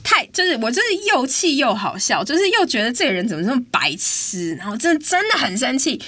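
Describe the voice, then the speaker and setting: A woman's voice: on the high side, very animated, a little fast, pushed and bright, no echo. A woman, telling a story in a casual, exasperated chat as host. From Taiwan.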